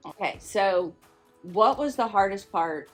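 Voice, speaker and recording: A woman's voice: mid-range voice, lively intonation, slow, fairly bright tone, faint music behind. A woman presenting and asking questions in a casual on-camera interview.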